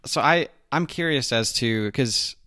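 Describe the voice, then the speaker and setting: A man in his thirties hosting a podcast, asking halting questions in an easygoing way and laughing often. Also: mid-range voice, sharp tone, dry recording, studio quality. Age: 30s. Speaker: podcast host. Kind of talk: casual interview.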